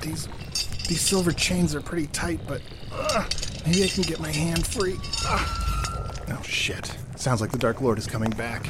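A man's voice: a little high, measured pace, lightly acted. A man playing a hapless, sarcastic captive in a fantasy audio comedy, talking in a casual, wry way. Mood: anxious, muttering. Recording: clear background noise.

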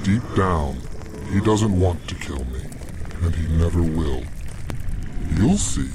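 An actor playing a cold, calculating Dark Lord wizard with a measured, pompous delivery in a fantasy audio comedy. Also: male voice, deep voice, expressive. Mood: measured, ominous. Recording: clear background noise under the voice.

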